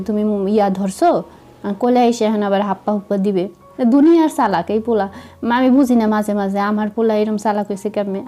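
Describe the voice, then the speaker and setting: A young woman with a Madaripur Bengali accent, chatting to viewers while she cooks, slightly hoarse from a cold and making fun of herself. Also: mid-range voice, mellow. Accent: Madaripur Bengali dialect. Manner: chatty, self-mocking, talks to viewers while cooking. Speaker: vlogger. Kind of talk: casual cooking vlog narration.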